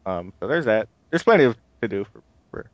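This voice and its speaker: A man's voice: lowish voice, sing-song, a little fast, no room sound, highs cut off. A man co-hosting a casual video game chat show, laid-back and trailing off into shrugs. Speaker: podcast co-host.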